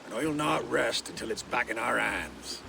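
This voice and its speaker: A male actor voices a bitter, stubborn older reeve of a Saxon village in a game, speaking in gruff, gravelly, archaic formal language. His medium-pitched delivery is firm and resolute at a moderate pace, with background noise present.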